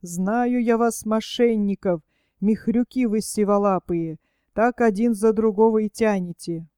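A woman's voice: medium pitch, measured pace, warm tone, smooth, no room sound, studio quality, lightly acted. A woman voicing a grumpy, angry landowner who scolds his servants, in an audiobook. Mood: scolding. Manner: scolding, abusive.

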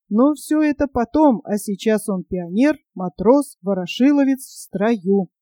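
A woman reading a children's story aloud as an audiobook, expressive and measured. Her voice sits a bit high and sounds mellow, with a dry, close recording. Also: dry recording. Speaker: narrator.

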